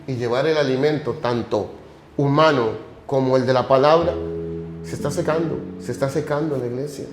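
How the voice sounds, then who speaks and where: A man with a fairly high voice preaches fervently, firing off one rhetorical question after another. His voice echoes around the room. Clear music plays behind him. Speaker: podcast host. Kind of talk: sermon-like commentary.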